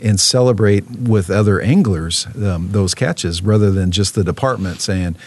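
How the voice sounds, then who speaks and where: Low-voiced man, rambling with fillers. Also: normal speed, no echo. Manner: rambling, many fillers and restarts. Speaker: sportfish program manager. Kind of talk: casual interview talk.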